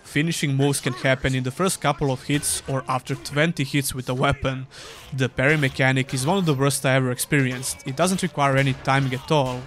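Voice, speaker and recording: A man's voice: medium pitch, fairly even intonation, brisk, fairly bright tone. A young man giving a scripted, dryly sarcastic voice-over review of an old game. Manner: dry, sarcastic. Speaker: gaming YouTuber.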